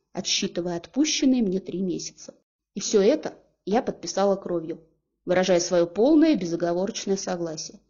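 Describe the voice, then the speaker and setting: Woman reading an audiobook, expressive, a bit husky, dull muffled sound. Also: medium pitch. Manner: lively, expressive storytelling. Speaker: audiobook narrator. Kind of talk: first-person audiobook narration.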